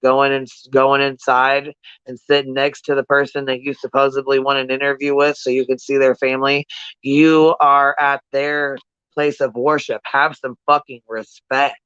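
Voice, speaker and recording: Blunt and foul-mouthed, a livestream host talks casually to viewers in slang, returning to points again and again for emphasis. Monotone and smooth, the clean medium-pitched voice moves at normal speed in a dry, rather dull recording without echo.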